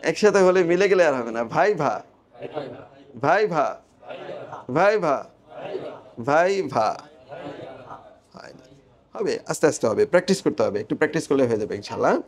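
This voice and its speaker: A man's voice: on the high side, sing-song, racing, darkish tone. A man with a Bangladeshi accent teaching English pronunciation to a class, modelling sounds and asking students to repeat them. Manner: drills sounds aloud, asks the class to repeat. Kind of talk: classroom phonetics lesson.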